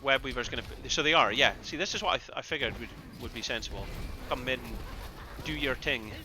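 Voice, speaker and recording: A man giving excitable live play-by-play commentary on an esports match, with bursts of loud exclamations. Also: medium pitch, brisk, background noise. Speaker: esports caster.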